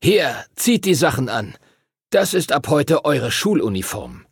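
A loud, commanding schoolmaster who rousts his pupils and will not tolerate dawdling, as a male narrator puts him on. The voice sits well above the reader's own, gravelly and slightly husky, with big swings in pitch. It is a storybook character in a children's audiobook. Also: big pitch swings, measured pace, no echo, studio quality, full character voice. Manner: loud, commanding, barking orders. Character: stern boisterous male teacher, hurrying pupils.

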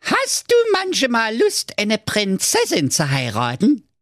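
Brief: a squeaky, bossy little sausage king from a storybook. Very high, swooping voice, dry sound. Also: huge pitch swings, slow, a bit bright, no room sound, exaggerated voice. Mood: bossy, gleeful. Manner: brash, bossy, insulting. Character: pompous little fat sausage king, shrill.

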